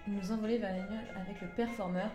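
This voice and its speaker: A woman's voice: medium pitch, steady tone, quick pace. Female co-host, teasing banter; echoey room. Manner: playful, teasing. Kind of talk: casual chat. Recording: roomy echo with music.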